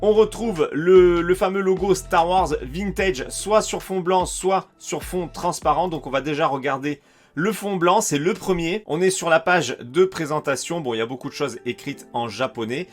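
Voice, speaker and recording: A man's voice: on the high side, normal speed, faint music behind. A French man walking viewers through a shopping website in a casual, chatty way, with plenty of fillers. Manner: chatty, enthusiastic, many fillers. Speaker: YouTuber reviewing collectibles. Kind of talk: casual screen-share walkthrough.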